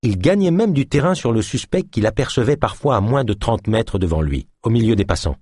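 A man narrating a thriller novel as an audiobook in a steady, measured reading. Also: medium pitch, husky, no room sound, clean studio sound.

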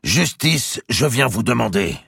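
A man voicing a proud, hot-tempered nobleman in an audiobook, declaiming loudly and formally. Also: mid-range voice, unhurried, gravelly, breathy edge, no echo, clean studio sound, voice pushed up, exaggerated voice. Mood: indignant. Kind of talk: audiobook character voice.

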